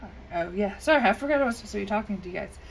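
A coloring video creator at her indoor desk chats casually and unhurriedly as she colors, with plenty of ums. She has a scratchy, mid-range voice with vocal fry, lively intonation, and a very fast delivery. An overhead camera above the desk does the recording.

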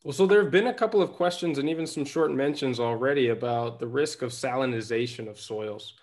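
Male moderator, mid-pitched, measured, hands questions to the panel. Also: darkish tone.

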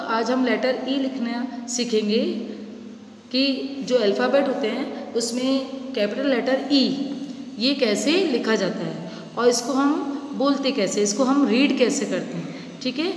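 A woman's voice: fairly high pitch, measured pace, slight background noise. A woman with an Indian accent teaching small children to write a letter, patiently repeating each step and mixing simple English phrases into her instructions. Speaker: nursery teacher. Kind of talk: children's handwriting lesson. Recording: echoey room with long reverb, faint ambience.

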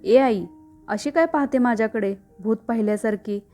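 An eager, affectionate teenage daughter, as a woman storyteller puts her on, her voice pitched a little high and lifted with keen energy. A storybook girl who talks to her mother with fond liveliness, faint music playing softly underneath. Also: normal speed, lightly acted.

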